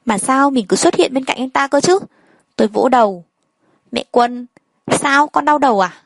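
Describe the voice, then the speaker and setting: A woman's voice: sits high, normal speed, no room sound, rough recording. A woman reading a first-person story aloud and speaking all the characters' lines in much the same voice. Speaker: narrator.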